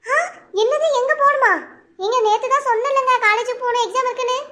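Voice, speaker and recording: A woman's voice: extremely high pitch, fairly even intonation, racing, sharp tone. A woman voicing an anxious young wife in a cartoon, pleading and worried. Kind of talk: cartoon voice acting.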